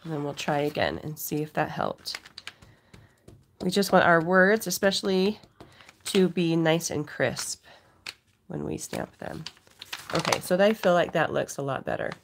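A woman's voice: sits low, expressive, unhurried, vocal fry, pauses often, background noise. A middle-aged woman with a cold, giving a casual craft demonstration to viewers as the host at home. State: has a cold, occasional cough. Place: indoors at a home craft table.

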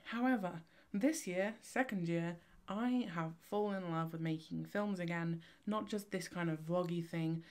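A young woman from Cornwall with a Cornish accent, chatting to camera in a fast, chaotic, excitable vlog ramble. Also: lowish voice. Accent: Cornish English. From Cornwall, England. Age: young adult. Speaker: vlogger, photography student. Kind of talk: casual vlog chat to camera. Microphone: camera on tripod.

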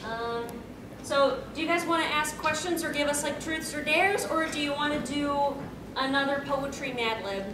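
A young adult woman with a high voice hosts a casual, unscripted panel with the audience from a convention room stage, speaking at a moderate pace. Picked up by a far-off camera microphone, she sounds distant, echoey and noisy.

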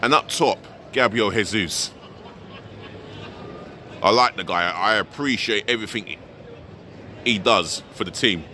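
A middle-aged man vlogs outside a stadium, holding the camera at arm's length. His voice sits low but has a bright, forceful edge as he vents his frustrations as a fan. Faint urban noise is heard behind him. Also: unhurried, long pauses. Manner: frank, exasperated fan venting about his team. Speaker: football fan vlogger, host. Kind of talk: pre-match vlog to camera. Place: outdoors by a large stadium, city plaza. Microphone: handheld camera at arm's length.

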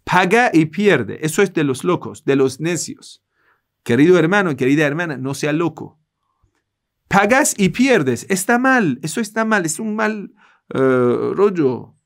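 A man's voice: a little high, animated, measured pace. Earnest man lecturing with a Persian accent. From Iran. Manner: earnest, preaching, addresses listeners directly. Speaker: Islamic teacher. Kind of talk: religious lecture class.

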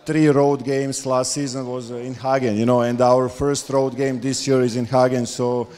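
A man's voice: mid-range voice, little pitch movement, moderate pace, a little mellow. A visiting basketball coach, a man, answering postgame questions on stage, with many fillers and restarts. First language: Serbian. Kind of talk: postgame press talk. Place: stage in a large dark hall. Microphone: handheld mic. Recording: long hall reverb.

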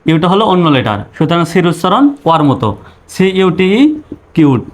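A male teacher talks through an English spelling lesson in a patient, repetitive way. He spells words letter by letter and asks his students questions before answering them himself. His voice sits a little high for a man. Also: lively intonation, moderate pace. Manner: patient, repeats rules and spells letters aloud.

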